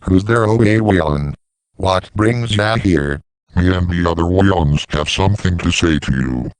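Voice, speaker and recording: A man voicing scripted dialogue for an animated story about talking machines. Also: low voice, moderate pace, smooth, no echo, rough recording. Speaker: voice of talking siren characters.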